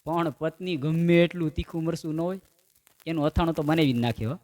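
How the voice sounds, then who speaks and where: A man's voice: fairly high pitch, a little fast. A man telling folk comedy stories and acting out the quoted voices. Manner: animated joke-telling, acts out quoted voices. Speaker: stand-up comedian. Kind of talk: Gujarati folk comedy storytelling.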